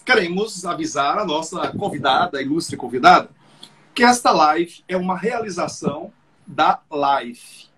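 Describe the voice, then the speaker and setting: Ceremonious male host, high voice. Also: expressive, unhurried, bright, forceful tone, breathy edge, low-quality recording. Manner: ceremonious, flowery phrasing. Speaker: host, professor. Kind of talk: formal live-stream interview. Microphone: video call.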